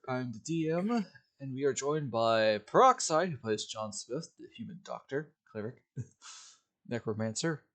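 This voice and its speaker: A man running a tabletop game as game master on a livestream, talking in an upbeat, animated way through a headset mic. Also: on the high side. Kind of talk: narrating a tabletop game stream.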